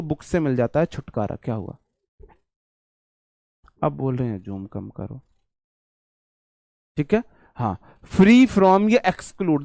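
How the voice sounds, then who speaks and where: Brisk Hindi-speaking teacher, dry close sound. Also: male voice, a little high, darkish tone, dry recording. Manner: explains with repetition and memory tricks, addresses viewers as brother. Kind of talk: online vocabulary class.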